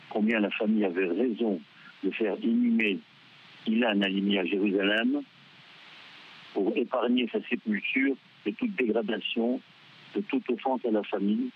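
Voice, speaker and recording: A man making a measured, formal statement, emphatic in his phrasing, over a dull hissy line. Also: lowish voice. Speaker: association president giving a statement.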